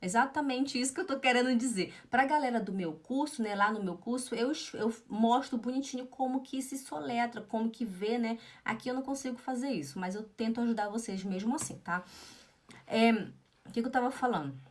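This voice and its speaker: A woman's voice: a little high, a little fast. Chatty Brazilian woman teaching German. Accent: Brazilian Portuguese. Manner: chatty, reads viewer comments, frequent "né?". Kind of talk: live-streamed language lesson.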